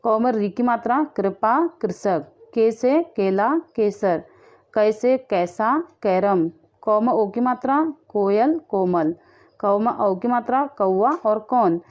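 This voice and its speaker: A woman's voice: medium pitch, expressive, darkish tone. Patient woman teaching young children. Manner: patient, repeats each word slowly. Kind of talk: children's lesson. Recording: muffled lo-fi audio.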